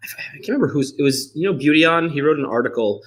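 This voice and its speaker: A man's voice: fairly high pitch, expressive, fast talker. A man hosting a podcast, talking casually in a rambling way, full of "like" and "you know". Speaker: podcast host.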